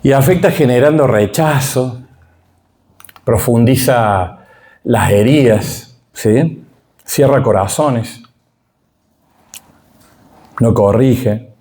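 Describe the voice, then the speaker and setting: Mellow-voiced Rioplatense man teaching scripture. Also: medium pitch, extremely slow, pauses often. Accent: Rioplatense Spanish. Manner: emphatic, checks in with the audience through rhetorical questions. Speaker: Bible teacher. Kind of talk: Bible class lecture.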